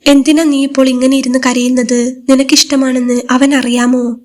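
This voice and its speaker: A woman's voice: high voice, little pitch movement, moderate pace, a little mellow, close to an everyday voice. A woman voicing a middle-aged widowed mother in a spoken story, soothing yet cautioning her daughter. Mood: gentle, firm.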